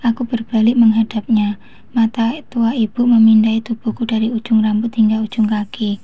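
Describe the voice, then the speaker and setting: A woman narrating a romance novel in the first person, in a steady, even storytelling manner. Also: on the high side, moderate pace, husky, no echo, lo-fi sound.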